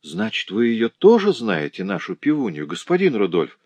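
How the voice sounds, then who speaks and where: A man's voice: on the low side, wildly swooping pitch, moderate pace, darkish tone, breathy edge, no room sound, dull audio, voice pushed up, heavily acted. A man voicing a cheerful, tender-hearted young working woman in an audiobook, chattering eagerly and emotionally. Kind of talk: audiobook character voice.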